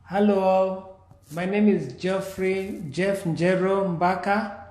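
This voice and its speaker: A man in his forties from Kenya tells his life story in a slightly raised voice, speaking slowly and pausing to restart his sentences. He is recorded in an echoey room. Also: sits high, fairly even intonation, darkish tone. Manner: slow, measured, with pauses and restarts. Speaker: guest.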